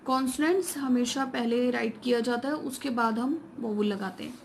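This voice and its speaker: A woman with a fairly high voice explains a shorthand lesson step by step, mixing in English terms. She reads the English rules out slowly and carefully. Faint noise hums behind her. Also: vocal fry. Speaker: shorthand teacher.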